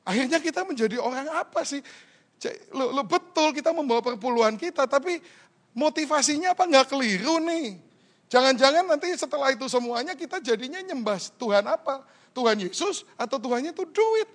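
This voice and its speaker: A man's voice: extremely high pitch, lively intonation, fairly quick. A male pastor preaching a sermon in a joking, teasing way, full of rhetorical questions and English phrases mixed into his talk. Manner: mixes English phrases into Indonesian speech.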